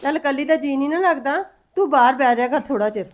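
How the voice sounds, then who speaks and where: A woman's voice: sits high, lively intonation, fast talker. An actress playing a middle-aged mother-in-law who coaxes, pries and scolds. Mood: coaxing. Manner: coaxing, prying, scolding. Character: fussing, caring mother-in-law. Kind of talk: family drama acting.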